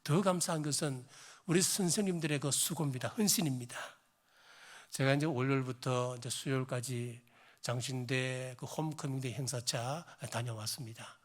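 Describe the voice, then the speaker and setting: A hoarse middle-aged pastor with a Gyeongsang accent, preaching a sermon in a church, swinging from emphatic exhortation to chatty storytelling. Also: male voice, medium pitch, normal speed. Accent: Gyeongsang Korean. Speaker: senior pastor. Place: church sanctuary.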